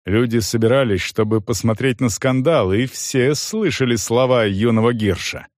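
A man's voice: medium pitch, normal speed, darkish tone, no echo, studio quality. A man reading a historical adventure story aloud as audiobook narration.

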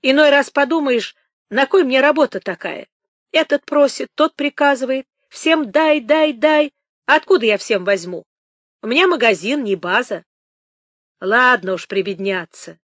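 A woman voicing a brisk, bossy female village shopkeeper who scolds and complains. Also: high-pitched, animated, fairly bright tone, no echo, pitched above the performer's own voice, exaggerated voice. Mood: grumbling, scolding. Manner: scolding, grumbling, quick to complain.

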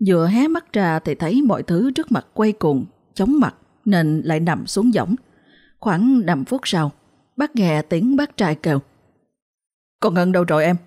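Woman storyteller, lower pitch, steady plain ghost-story read. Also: a little slow, slightly rough.

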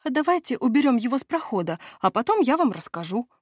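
A woman's voice: mid-range voice, animated, moderate pace, no room sound, lightly acted. A grumbling male castle steward who wheedles and dodges, always fretting about his own plans, read by a woman. He haggles rather than answers. The storybook sound is dry and close. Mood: wheedling. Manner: whining, evasive, haggling. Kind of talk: audiobook character reading.

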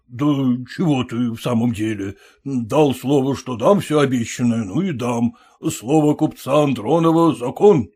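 A man's voice: medium pitch, normal speed, few pauses, a little mellow, slightly rough, natural voice. A man voicing an older merchant father-in-law who soothes and coaxes in an evasive way. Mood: placating. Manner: soothing, coaxing.

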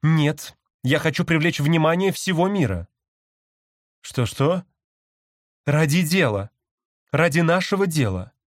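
A man's voice: on the high side, lively intonation, unhurried, pauses often, no echo, clean studio sound, voice pushed up. A man voicing an insistent, indignant young woman activist in an audiobook.

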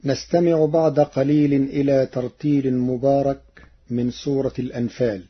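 A man giving a formal religious explanation on the radio, intoning quoted verses slowly and deliberately. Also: medium pitch, husky. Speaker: radio presenter explaining Quran reading variants. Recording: dull lo-fi archival radio recording.

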